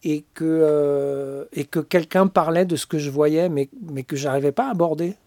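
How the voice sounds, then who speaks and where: A man's voice: on the high side, normal speed, darkish tone, no echo, clean studio sound. A man from the Paris suburbs, casually recalling his own past in a loose, self-interrupting way. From Paris suburbs, France. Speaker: panel guest. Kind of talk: casual personal recollection.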